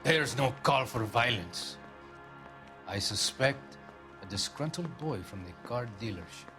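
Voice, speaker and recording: A man's voice: medium pitch, lively intonation, unhurried, over music, natural voice. A man playing a haughty, pompous Argentine diplomat, formal and easily offended, in a crime drama video game. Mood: disdainful.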